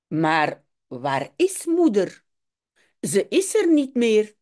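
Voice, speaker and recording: A woman's voice: medium pitch, wildly swooping pitch, drawn-out words, a little mellow, full character voice. A woman voicing a timid little girl in a storybook reading. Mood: anxious. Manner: raised, childish tone.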